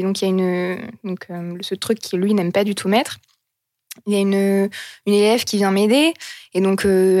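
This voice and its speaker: A woman telling a personal story in an earnest, halting way, often pausing to search for words. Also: a little high, dry recording, studio quality.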